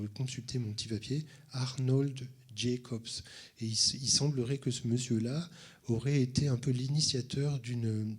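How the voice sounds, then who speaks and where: A man's voice: mid-range voice, breathy edge. A man who teaches cello, introducing the next piece at a concert and often restarting his phrases. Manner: hesitant, many restarts. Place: concert hall at a conservatory.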